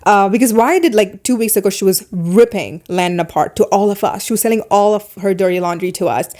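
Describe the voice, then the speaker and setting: A podcast host with a foreign accent shares her opinions in casual chat, animated and speeding up in bursts. Her voice is medium-pitched.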